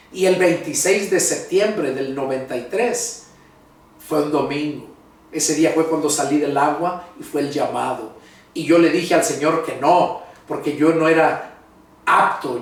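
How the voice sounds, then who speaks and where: An older man from Mexico with a Mexican Spanish accent, a pastor telling his personal testimony in an earnest, heartfelt way. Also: fairly high pitch. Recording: very echoey room, voice far from mic.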